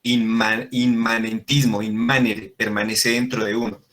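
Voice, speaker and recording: A man's voice: fairly low pitch, level tone, unhurried, fairly bright tone. A man teaching a Latin class, explaining patiently and checking in with frequent questions to his students. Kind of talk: classroom lesson.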